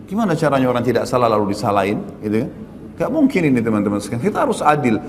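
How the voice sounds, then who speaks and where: A man preaching a casual sermon, telling anecdotes with emphatic, animated delivery. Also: racing, big-room sound, slight background noise. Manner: emphatic, animated storytelling, jumps up in pitch for stress. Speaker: Islamic preacher.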